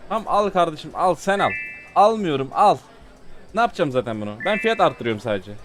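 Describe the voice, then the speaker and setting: A man's voice: fairly high pitch, big pitch swings, brisk, music in the background. A man giving casual let's-play commentary, talking to his viewers and growing exasperated with the game. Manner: exasperated, chatty, talks to viewers. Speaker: gaming YouTuber.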